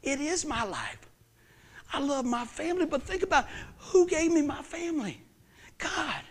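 A man in his fifties preaching a sermon as pastor, swinging from hushed, earnest lines to excited shouts. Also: very high voice, normal speed. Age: 50s.

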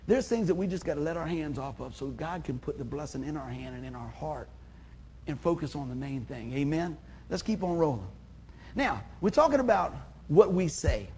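A middle-aged man, a pastor, preaching a sermon in a chatty, animated way, acting out quotes and laughing at himself. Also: on the high side, a little hiss or hum.

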